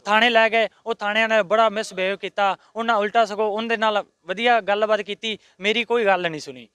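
Aggrieved high-voiced Punjabi man. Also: fairly even intonation, fairly quick, a bit bright, smooth, dry recording. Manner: aggrieved, insistent. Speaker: patient's husband. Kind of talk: complaint to a reporter. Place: outside a hospital.

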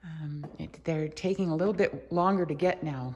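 A deep, darkish female voice at a moderate pace narrates an unscripted, casual house tour; she's a real estate agent chatting and thinking aloud as she walks through. She holds the handheld camera or phone herself, and the recording is clearly noisy.

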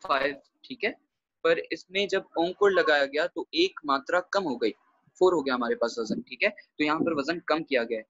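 A man's voice: a little high, a bit bright, dry recording, muffled recording. Man teaching over a video call. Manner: explains patiently, checks with frequent "theek hai". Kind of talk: online grammar lesson.

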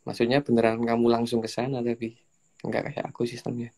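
A young man, hosting a casual interview in a relaxed, joking way. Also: mid-range voice, fairly quick, very noisy. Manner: relaxed, joking, slips into Javanese slang. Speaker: host.

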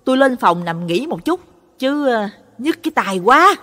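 A woman's voice: fairly high pitch, big pitch swings, normal speed, long reverb tail. Woman doing a grumbling dog butcher. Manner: loud, grumbling. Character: gruff middle-aged male dog butcher.

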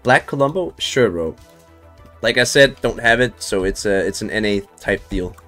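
A man's voice: fairly low pitch, lively intonation, normal speed, a bit bright, soft background music. A man casually chatting with viewers while streaming a game, loose and talkative, swearing and laughing now and then.

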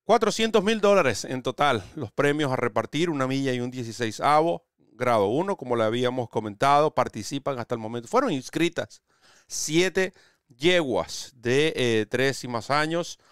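Guy hosting racing analysis on a headset, lively, clean crisp voice. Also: mid-range voice, moderate pace, no room sound, studio quality. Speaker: host. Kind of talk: horse racing analysis show.

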